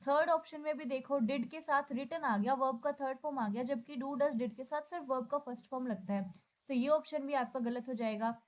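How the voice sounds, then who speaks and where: A young woman teaching an exam-prep grammar lesson, explaining step by step and slowing down to read sentences aloud. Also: high voice, darkish tone. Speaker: English teacher.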